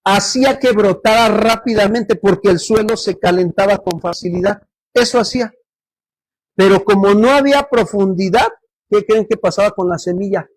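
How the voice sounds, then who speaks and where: A man's voice: high voice, normal speed, no room sound. A man preaching a sermon as pastor, often putting questions to the congregation for them to answer. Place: church service.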